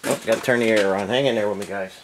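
A man's voice: lowish voice, fairly even intonation, rapid-fire, noisy background. A man casually explaining engine work in a home garage, matter-of-fact with many fillers, heard from an off-screen camera mic. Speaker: engine builder. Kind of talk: casual workshop demonstration.

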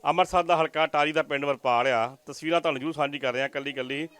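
A man's voice: fairly high pitch, fairly even intonation, rapid-fire, fairly bright tone, clear, resonant tone, no room sound. A man with a Majhi Punjabi accent reporting from a village, interviewing a poor family and earnestly pleading with viewers. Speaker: news reporter. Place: village outdoors.

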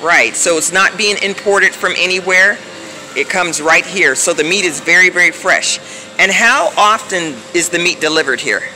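A middle-aged American vlogger with a lowish, bright, forceful voice chats casually and thinks aloud at a moderate pace. She's filming her shopping on a handheld phone among supermarket aisles, where humming coolers create a noisy background hum.

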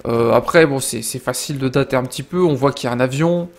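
A young man giving casual let's-play commentary, rambling to his viewers and breaking into loud exclamations during fights. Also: medium pitch, quick pace. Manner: chatty, rambling, addresses viewers directly. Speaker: gaming video creator.

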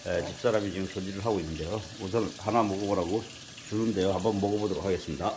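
A man's voice: deep voice, very fast, noisy background. An older man chatting casually as a vlogger at his rural home, telling folksy stories and chuckling often. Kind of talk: casual vlog narration.

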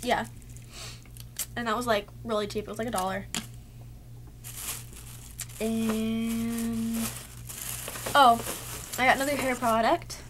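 Heavy background noise surrounds a young woman's fairly high, steady voice as she speaks slowly, with long pauses. She's a beauty vlogger giving a casual haul chat to her webcam in a cluttered bedroom, a little under the weather and losing her voice, and she uses "like" a lot.

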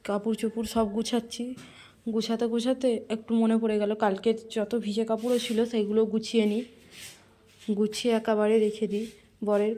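A woman records a homey voice-over for her daily vlog, her tone mellow and warm. She confides in viewers as if they were friends across the table, chatting along without fuss. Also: fairly high pitch. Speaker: vlogger. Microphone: voice-over recorded separately from the footage.

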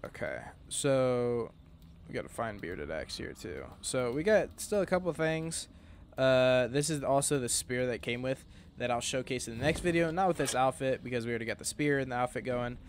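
Sleepy male gamer, rambling commentary, self-correcting, average pitch, faint hiss. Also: lively intonation, moderate pace. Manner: rambling, many fillers and restarts, self-correcting. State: sleepy, yawning. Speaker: gaming commentator. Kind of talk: casual gameplay commentary.

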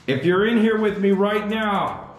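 A man's voice: lowish voice, moderate pace. A man in his thirties filming a casual ghost-hunting vlog, talking in a slangy, uneasy way to viewers and spirits. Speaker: solo paranormal investigator, host. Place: abandoned jail at night, indoors and just outside. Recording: echoey empty building, faint noise.

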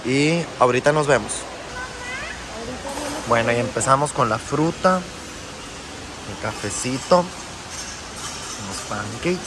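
Filming himself with a phone at arm's length at a beach resort, a young man chats to viewers in casual travel vlog narration, addressing them as friends. His mid-range voice moves slowly, with long pauses, and wind and sea noise fill the outdoor recording.

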